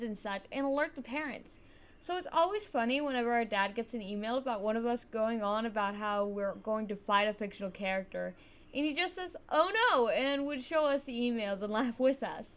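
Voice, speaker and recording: Teen girl doing a storytime, high voice, chatty and a bit wry. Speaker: storytime narrator. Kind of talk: scripted storytime narration.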